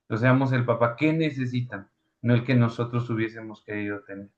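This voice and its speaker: A man, his voice in a mid range, reflects calmly on fatherhood at a church parenting workshop. He speaks in a measured way. The recording sounds slightly dull and muffled. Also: medium pitch. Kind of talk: church talk testimony.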